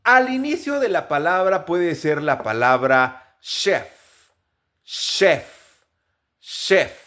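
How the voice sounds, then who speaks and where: A man teaching English pronunciation, repeating each example word slowly several times. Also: a little high. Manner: upbeat, animated sign-off. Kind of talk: pronunciation lesson.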